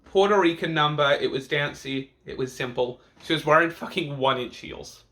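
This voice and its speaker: Campy, bright-voiced drag queen man. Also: on the high side, moderate pace. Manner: campy drag-slang sass, catty and sweary. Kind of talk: casual reaction vlog to camera.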